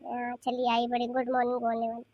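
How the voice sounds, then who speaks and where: A sharp-tongued cartoon grandmother scolds and nags with a high, pointed voice, as a woman puts her on. The sound is dry and close, with no room around it. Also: monotone, quick pace, no echo, highs cut off, natural voice. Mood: sarcastic. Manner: scolding, nagging rhetorical questions. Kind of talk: cartoon voice acting.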